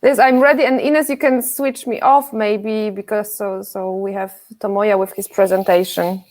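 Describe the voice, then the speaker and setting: A woman hosts an online portfolio review, introducing the presenter in an informal, encouraging way. Her voice is mid-pitched. She is heard over a video call. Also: fairly even intonation, moderate pace, a little mellow. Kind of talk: online event moderation.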